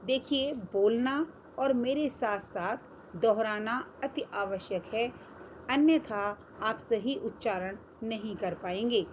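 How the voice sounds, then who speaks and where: A middle-aged woman teacher giving a grammar lesson to children, enunciating slowly and deliberately. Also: a little high. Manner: slow, deliberate enunciation, drawing out each number. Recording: faint background noise.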